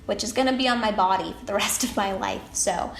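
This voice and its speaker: A woman's voice: mid-range voice, brisk. A teenage woman talking to her camera at home in a chatty, rambling, upbeat way as a vlogger. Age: late teens. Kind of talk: casual talk to camera. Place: room at home, echoey. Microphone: camera mic. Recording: echoey room, faint background noise.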